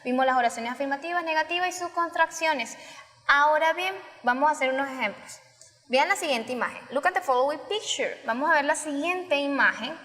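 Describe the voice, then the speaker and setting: A woman from Venezuela, a Spanish-speaking English teacher, explaining grammar step by step in a recorded lesson and repeating key forms slowly. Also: high voice, fairly bright tone. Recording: long reverb, roomy sound.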